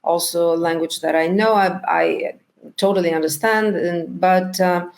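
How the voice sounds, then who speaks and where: A middle-aged documentary director whose first language is Bulgarian answers interview questions slowly and thoughtfully, often pausing to find words. Her voice is on the low side, steady in tone, and a little mellow.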